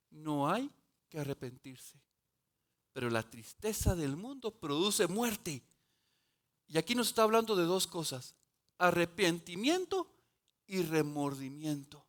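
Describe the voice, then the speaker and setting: A man preaching a sermon as pastor, slow and emphatic, rising to fervent passages. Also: high-pitched. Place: church sanctuary.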